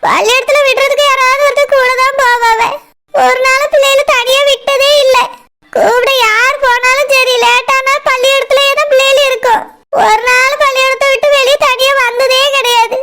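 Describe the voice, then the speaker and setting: Woman doing a cartoon young mother, weeping, pleading, very high bright voice, Kanyakumari Tamil accent. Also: level tone, moderate pace, full character voice. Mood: tearful, pleading. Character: distraught young mother searching for lost children. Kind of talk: cartoon voice acting.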